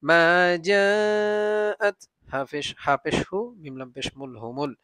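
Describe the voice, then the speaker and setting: A man teaching Quran reading, who spells out each letter and vowel mark and then chants the verse slowly and drawn out. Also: on the high side, sharp tone, no echo, faint music behind. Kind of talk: spelling out and reciting Quranic words for learners.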